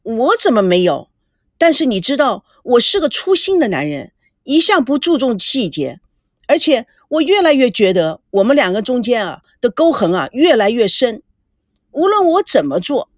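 Awkward young man in the wrong, halting and defensive, lively voice, as a woman storyteller reads him. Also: fairly high pitch, no echo, clean studio sound. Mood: hesitant, defensive. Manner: hesitant, defensive.

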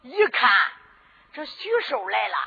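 Woman storyteller, high-pitched, unhurried and dramatic; lo-fi dull recording. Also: sing-song, vocal fry. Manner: dramatic, rising to shouts. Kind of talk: traditional sung-spoken storytelling.

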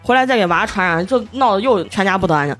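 A middle-aged woman rants through a story in a casual group chat. Her husky voice swings high and low as she races along. She slips into flat, droning impressions of her relatives. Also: fast talker, faint music behind. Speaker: podcast co-host.

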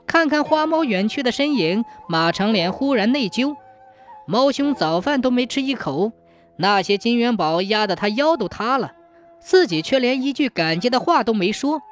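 A woman narrating a folk tale in a steady, expressive storybook reading. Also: on the high side, moderate pace, faint music behind.

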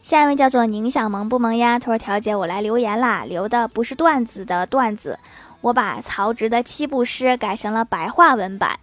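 A woman's voice: fairly high pitch, moderate pace, fairly bright tone, dry recording, faint music behind. A woman hosting a casual comic audio show, reading listener messages aloud in a playful way and laughing along.

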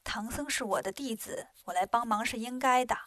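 A woman doing a calm, wry bodhisattva. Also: fairly high pitch, brisk, no room sound. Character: calm, wry female bodhisattva, motherly and scolding.

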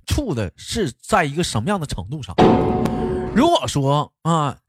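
A man with a Northeastern Mandarin accent hosting a comedy show, telling jokes in a lively, bantering way. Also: on the high side, moderate pace. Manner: lively, bantering, breaks into laughter. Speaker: comedy podcast host. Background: background music.

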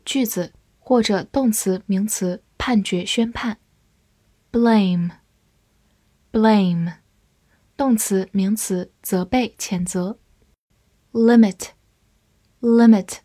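A woman teaching English vocabulary in a deliberate drill, saying each word twice and then giving its part of speech and meaning. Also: medium pitch, mellow, no room sound.

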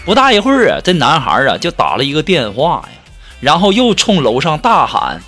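Lively man telling jokes. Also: a little high, brisk. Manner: chatty storytelling that switches into voices for jokes. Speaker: comedian. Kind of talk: comic monologue. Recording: music playing behind.

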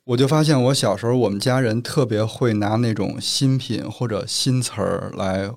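A man's voice: medium pitch, moderate pace, vocal fry, darkish tone. A man from northern China, co-hosting a casual chat and telling stories at length. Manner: storytelling, explains at length. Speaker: podcast co-host.

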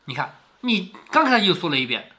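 A man's voice: high voice, sing-song, fairly quick, sharp tone. A middle-aged man reading a classic novel aloud to his daughter in a casual way, stopping often to explain and to ask rhetorical questions. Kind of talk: casual read-aloud with commentary.

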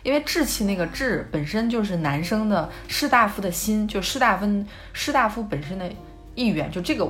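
A young adult woman co-hosting a podcast, telling stories in a lively, emphatic way. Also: mid-range voice, soft background music. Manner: animated storytelling, quick and emphatic. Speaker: podcast co-host. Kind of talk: casual podcast chat.

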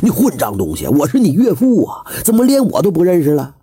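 A man's voice: fairly high pitch, huge pitch swings, brisk, mellow, husky, no echo, voice pushed up, heavily acted. A male storyteller voicing a furious, pompous rich old landlord who scolds and stammers in rage. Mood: angry scolding.

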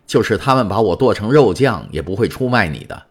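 A man's voice: fairly low pitch, sing-song, a little fast, slightly rough, voice pushed up, heavily acted. A man voicing a desperate young sailor prisoner. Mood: pleading. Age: 20s. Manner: pleading, impassioned. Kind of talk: audiobook character voice.

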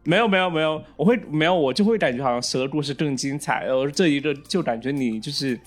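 A man's voice: fairly high pitch, fast talker, soft background music. A man co-hosting a podcast, reacting to a story with short, wry, teasing remarks. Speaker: podcast co-host. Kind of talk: casual chat.

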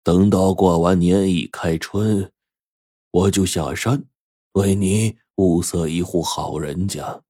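A man voicing a stern elderly master sorcerer who speaks slowly and gravely. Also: sits low, fairly even intonation, mellow, no echo, studio quality. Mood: solemn. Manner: slow, weighty admonishing delivery.

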